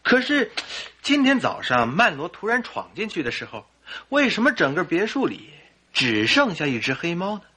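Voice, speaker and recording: Radio play doctor: doubting and wry, fairly high male voice, bright, lively intonation. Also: moderate pace, husky, heavily acted. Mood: wry, questioning. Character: sceptical, dryly teasing male doctor, the detective's companion. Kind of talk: radio drama acting.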